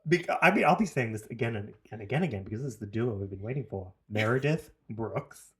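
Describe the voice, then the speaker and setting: Animated New Zealand man, lively pitch. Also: fast. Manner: animated, jumps between topics, swears. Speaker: podcast co-host. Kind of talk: casual chat.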